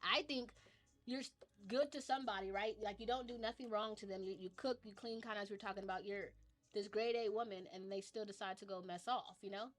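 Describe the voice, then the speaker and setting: A woman's voice: medium pitch, fairly even intonation, fast. A woman co-hosting a podcast, a single mother talking earnestly about self-love and relationships, often repeating words. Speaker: podcast co-host. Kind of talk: casual chat.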